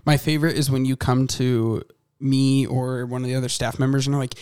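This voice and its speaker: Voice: medium pitch, flat delivery, fairly quick, a little mellow, clear, resonant tone. A podcast host leading a casual question-and-answer segment, putting friendly, teasing questions to the guests.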